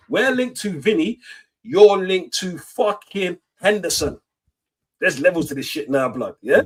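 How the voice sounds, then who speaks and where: A man's voice: fairly high pitch, husky. A man, a regular pundit, ranting about football in a swaggering, profane, casual way. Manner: swaggering, profane, repeats tags like "you get me". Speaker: football pundit, Arsenal fan. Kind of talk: animated casual football rant.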